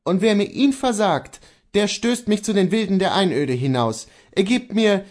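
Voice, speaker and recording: A man voicing a high-strung defiant horse dealer. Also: animated, moderate pace, a little mellow. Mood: defiant earnest. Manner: earnest, insistent pleading. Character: defiant proud male horse dealer outlaw.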